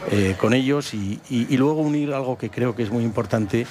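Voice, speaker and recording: A man's voice: mid-range voice, a little fast, background noise. A man from San Sebastián, a company founder, answering interview questions hesitantly with many restarts. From San Sebastián, Spain.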